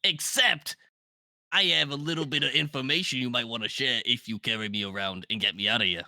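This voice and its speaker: A man's voice: mid-range voice, brisk, pushed and bright, no room sound, clean studio sound. A man voicing a touchy, lazy talking skull with defensive, wisecracking slang in a tabletop game. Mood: cagey, touchy.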